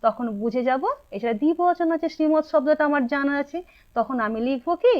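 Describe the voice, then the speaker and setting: A woman's voice: sits high, fairly quick. A woman with a Bengali accent teaching a grammar lesson, asking her students questions and answering them herself. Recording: dull lo-fi sound.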